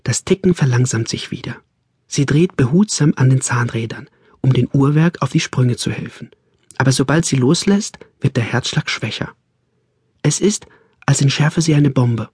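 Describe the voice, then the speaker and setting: A man narrating a novel in a calm, measured storytelling manner, close on a studio mic. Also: mid-range voice, husky, no room sound. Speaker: audiobook narrator. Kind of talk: scripted narration.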